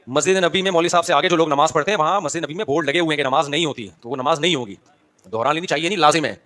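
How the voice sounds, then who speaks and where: A man's voice: fairly high pitch, sharp tone. A man, an Islamic scholar answering audience questions, explaining patiently and checking whether listeners follow. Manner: explanatory, addresses listeners directly with rhetorical questions; brief acknowledgements between questions.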